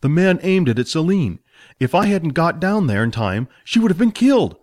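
A man's voice: fairly high pitch, very animated, normal speed, a little mellow, voice pushed up. A man voicing an eager, stubborn young male barbarian who speaks earnestly and insists.

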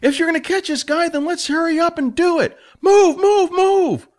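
A man voicing an exasperated male adventurer companion who scolds in a high, strained voice. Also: fairly even intonation, fast talker, fairly bright tone. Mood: shouting.

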